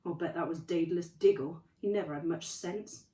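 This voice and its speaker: A woman's voice: on the low side, mellow, natural voice. A woman voicing Professor McGonagall, stern and clipped. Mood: impatient. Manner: brisk, clipped and impatient. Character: stern older female witch professor, anxious. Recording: echoey room, distant mic.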